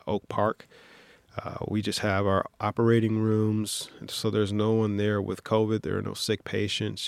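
A man with a low, gravelly voice and a flat, even delivery. He explains things patiently as an interview guest, dotting his sentences with fillers. The sound is dry and close. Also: dry recording. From Detroit, USA. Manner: measured, explanatory, many fillers. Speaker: orthopedic surgeon guest. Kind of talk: interview conversation.

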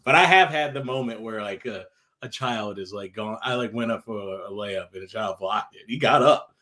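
A man in his thirties co-hosting a podcast, starting haltingly and stammering before telling his own story. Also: on the low side, bright, forceful tone. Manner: hesitant, stammers, then laughs. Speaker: podcast co-host. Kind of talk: casual chat.

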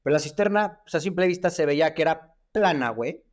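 A man with a Mexican Spanish accent co-hosting a podcast, relaxed and slangy, filling his talk with "güey" and "este". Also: on the high side, fast. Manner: laid-back, slangy, fills with "güey" and "este". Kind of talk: casual chat.

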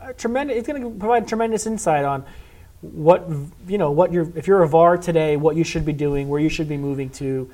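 A man's voice: fairly high pitch, brisk, warm tone. A man hosting a casual podcast, talking in a rambling way with many restarts. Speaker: podcast host.

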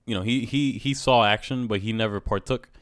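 Male, lowish voice, talkative and emphatic casual conversationalist, close dry sound. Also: a little fast, no room sound. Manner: emphatic, talkative, says "bro" often.

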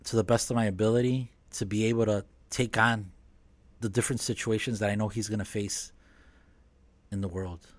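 A man who owns a business, speaking as a guest in a casual podcast conversation and talking in a relaxed, halting way. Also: mid-range voice, dry recording. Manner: relaxed, halting with many restarts and fillers.

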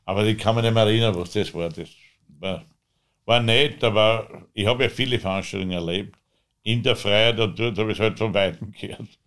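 A man with an Austrian accent, the interviewee, telling his own story in a rambling, halting way with loose dialect grammar. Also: fairly low pitch, a bit bright. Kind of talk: conversational storytelling.

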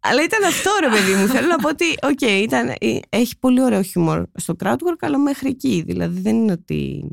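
A young adult woman, a stand-up comedian, telling stories in a casual chat, animated and laughing. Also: fairly high pitch, creaky, dry recording, studio quality. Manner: animated, laughing, quick storytelling with acted quotes.

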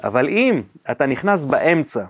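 A man appearing as a guest on a podcast, explaining body language with lively acted-out examples and sound effects. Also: on the high side. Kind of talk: podcast interview chat.

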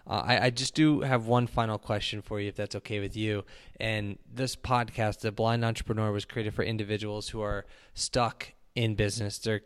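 A man's voice: on the low side, clean tone. A man hosting a podcast interview, asking questions politely and appreciatively, often stumbling over repeated words. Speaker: podcast host.

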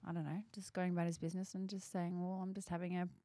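A woman co-hosting a casual podcast chat, relaxed and offering her opinions. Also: fairly low pitch, fast, no echo, studio quality. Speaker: podcast co-host.

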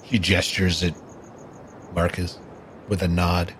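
A man's voice: low voice, little pitch movement, takes it slowly, a bit bright, slight background noise. A man narrating a tabletop game as game master in a plain, matter-of-fact way.

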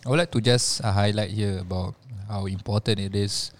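Male religious teacher, Singaporean accent, lowish voice, informal advice delivered in halting phrases with bits of Malay. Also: fairly even intonation.

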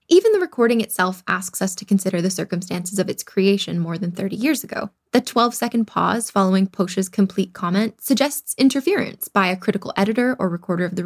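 Woman, mid-range pitch, podcast narrator, scripted reflective narration. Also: darkish tone.

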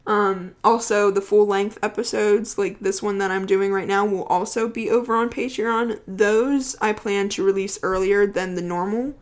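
A woman hosting a podcast in casual chat, talking fast and rambling with lots of fillers. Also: medium pitch, fairly even intonation. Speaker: podcast host.

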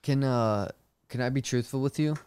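A man's voice: medium pitch, moderate pace, a little mellow, clear, resonant tone. A young man, a stand-up comedian, in casual, rambling and crude podcast banter.

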